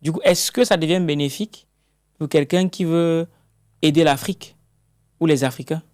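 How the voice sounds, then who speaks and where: A man's voice: a little high, moderate pace, a little mellow, no room sound, clean studio sound. A man interviewing a guest, posing long, reasoned questions and giving short murmurs of agreement while listening. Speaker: interviewer working in the book field.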